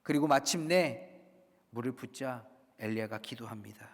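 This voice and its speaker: A man preaching a sermon as a pastor, swinging between loud declarations and hushed whispers. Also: mid-range voice, normal speed, in a large hall. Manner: dynamic preaching, dropping to soft whispers for emphasis.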